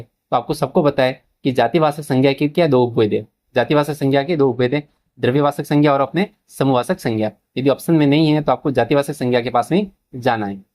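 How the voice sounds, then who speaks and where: A man's voice: on the high side, darkish tone. A man teaching an exam-prep grammar lesson, asking the children questions, answering them himself and mixing in English terms. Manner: addresses students as children, mixes English terms into Hindi.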